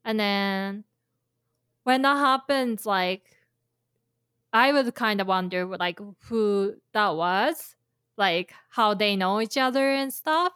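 A woman's voice: mid-range voice, takes it slowly, a bit bright, clean tone, no room sound, clean studio sound. A woman teaching Japanese in a casual chat, explaining with imagined scenarios and plenty of fillers. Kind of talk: casual language lesson chat.

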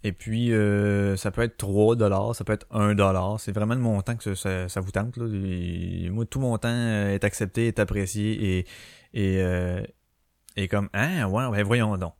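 Québécois guy, low voice, loose rambling solo podcast host, dry close home mic. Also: fairly even intonation, a little slow, darkish tone, no echo. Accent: Québécois French. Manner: rambling, many fillers and restarts. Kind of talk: casual solo podcast talk. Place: small bedroom at home. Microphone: small home microphone.

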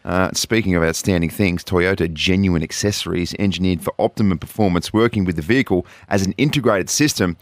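An Australian man hosting a weekend radio show, full of jokes and teasing banter. His voice is very low and sounds close and dry in the studio. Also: a little fast, few pauses, no room sound. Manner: jokey, teasing, upbeat. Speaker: radio host.

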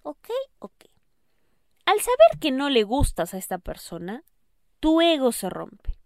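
A woman hosting an advice podcast, speaking affectionately to the listener and often checking in with a quick question. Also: high-pitched, huge pitch swings, darkish tone, dry recording, clean studio sound. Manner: affectionate, calls listener "mi amor", keeps asking "¿ok?". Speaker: podcast host. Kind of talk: advice monologue.

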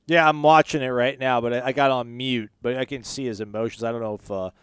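Smooth-voiced sports podcast co-host. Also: male voice, medium pitch, fairly even intonation, fast talker, no room sound. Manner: conversational, loose, many fillers. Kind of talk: casual sports chat.

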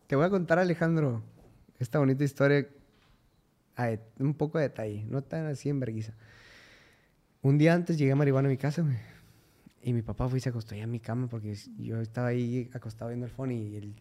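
Brief: young man, podcast guest, mellow dark tone, loose slang-heavy chat. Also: medium pitch, quick pace. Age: young adult. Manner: slangy, peppers talk with "güey". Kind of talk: casual chat.

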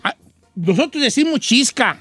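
With faint music behind him and no room sound, a radio host speaks in a very high, slightly rough voice at a moderate pace. His accent is western Mexican, around Michoacán, and he tells stories with energy in a casual chat, voicing the quoted dialogue.

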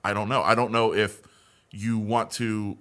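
A man's voice: lowish voice, level tone, a little slow, fairly bright tone. A man co-hosting a sports podcast, talking in a casual, conversational way with frequent restarts. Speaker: podcast co-host.

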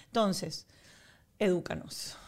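Woman podcast host, chatty and animated, tells stories about home life. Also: lowish voice, slow. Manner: animated storytelling, acts out her own exasperation. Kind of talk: casual chat.

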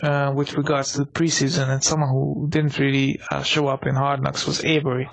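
A man's voice: medium pitch, flat delivery, fairly quick, gravelly. A man co-hosting a casual sports podcast, rambling with many restarts and fillers. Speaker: podcast co-host.

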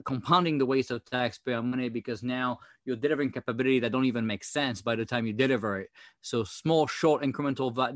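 A man's voice: medium pitch, dry recording. A man with a French accent speaks bluntly and with urgency as an interview guest, stumbling through fillers and restarts. The recording is dry and close, with no room sound. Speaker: guest, former chief software officer. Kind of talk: interview talk.

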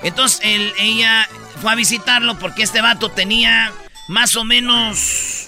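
Mexican guy cracking jokes on the radio, high bright voice, music going behind. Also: steady tone, measured pace. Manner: jokey, slangy, laughs at own punchlines. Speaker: radio comedy host telling jokes. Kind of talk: rapid joke-telling with acted-out voices.

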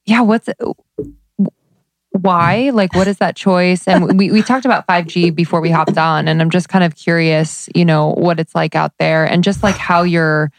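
Woman co-host, lowish voice, easygoing curious interviewer, dry mic. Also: steady tone, normal speed, no echo. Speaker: podcast co-host. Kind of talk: casual interview chat.

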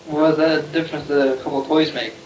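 A man's voice: on the high side, level tone, fast, a little mellow. A man in his twenties answering questions defensively and belligerently on an old archival tape recording. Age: 20s. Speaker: suspect under interrogation. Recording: roomy, distant tape with hiss.

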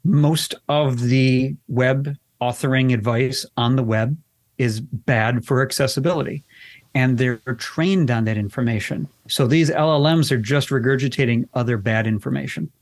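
A man's voice: medium pitch, normal speed, no room sound. A man answering interview questions about web accessibility in a candid, wry way, often restarting his sentences. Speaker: accessibility expert guest.

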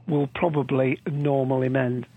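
Male podcast co-host, slightly higher and husky, hesitant, muffled lo-fi audio. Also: level tone, measured pace, dry recording. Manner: hesitant, repeats words. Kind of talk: casual podcast discussion.

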